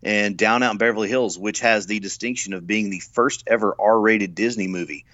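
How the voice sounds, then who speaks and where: A man with a fairly low voice co-hosts a casual movie podcast, piling up trivia and box-office facts with eager recall. His sound is dry and a little dull, close and without room echo. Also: fairly even intonation, normal speed, fairly bright tone. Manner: enthusiastic, trivia-heavy recall. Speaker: podcast co-host.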